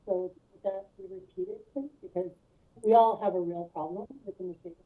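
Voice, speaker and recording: A woman's voice: fairly low pitch, normal speed. A woman, a virtual participant at a public hearing, asking hurriedly to have something repeated, heard so muffled she sounds as if she is behind a door. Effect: muffled, as if heard through a door. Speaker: neighborhood association chair. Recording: muffled tinny distant video-call line.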